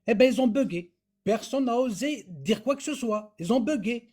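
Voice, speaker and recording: Casting: high-pitched husky man, emphatic and repetitive debate speaker from Kabylie. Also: expressive, normal speed, darkish tone. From Kabylie, Algeria. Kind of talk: heated political debate.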